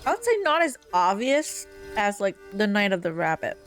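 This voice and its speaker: A woman's voice: mid-range voice, sing-song, moderate pace. A young woman streamer giving casual let's-play commentary, tired and rambling with lots of fillers. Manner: chatty, rambling with many fillers. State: tired, yawning. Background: game music.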